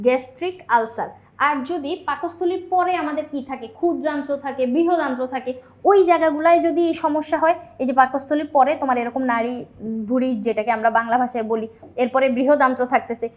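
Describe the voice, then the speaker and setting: A young woman with a Bangladeshi Bengali accent teaching a biology exam lesson, explaining step by step and answering her own questions. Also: high-pitched.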